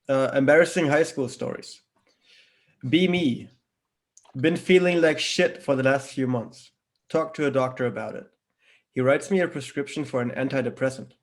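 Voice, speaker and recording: A man with a German accent reading crude internet stories aloud to a friend on a call, often cracking up with laughter as he reads. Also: medium pitch. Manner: keeps breaking into laughter while reading.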